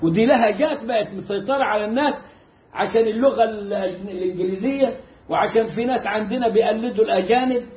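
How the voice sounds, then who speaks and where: A man with an Egyptian Arabic accent teaching Quran recitation in a casual, animated way, mimicking mistakes and drawing out the correct sounds. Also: high voice, echoey room, muffled recording. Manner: animated, mimics mispronunciations and demonstrates slow recitation. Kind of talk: casual lesson.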